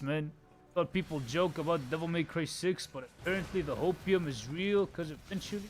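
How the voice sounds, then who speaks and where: This high-pitched, somewhat bright male voice comes with a slight hiss or hum. He's in his late twenties, casually talking gameplay with his livestream viewers in loose, slangy speech.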